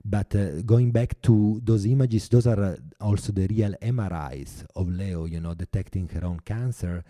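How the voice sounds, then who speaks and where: A man with an Italian accent, a filmmaker and activist giving earnest, halting interview answers full of restarts. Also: on the low side, fairly even intonation, mellow, no echo, clean studio sound. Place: New York.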